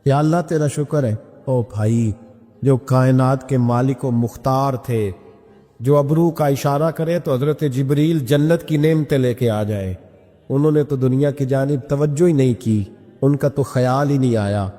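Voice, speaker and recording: A man's voice: mid-range voice, warm tone. A man preaching an impassioned sermon full of rhetorical questions. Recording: reverberant hall with faint music.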